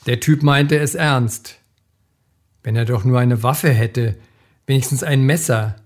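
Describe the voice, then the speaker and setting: A man reads a thriller aloud, pacing it slowly and measuredly. His mid-range voice carries the tension of the story without hurry. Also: mid-range voice. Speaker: reader. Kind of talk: audiobook reading of a thriller.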